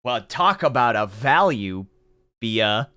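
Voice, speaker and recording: A man's voice: medium pitch, sing-song, takes it slowly, bright, forceful tone, smooth. A man giving joking, irreverent casual commentary over a game's story, often mocking it with exaggerated delivery. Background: faint game music.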